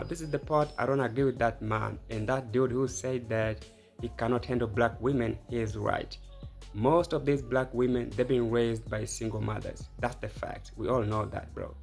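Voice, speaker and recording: A man's voice: mid-range voice, creaky, darkish tone. Opinionated man reacting to clips. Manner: opinionated, casual, addresses viewer as bro. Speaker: commentary channel host. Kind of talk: reaction commentary.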